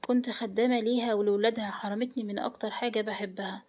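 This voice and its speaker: Scared teary young bride in a read-aloud story, soft and pleading, fast talker, woman reading. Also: medium pitch, steady tone, natural voice. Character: frightened, tearful young bride.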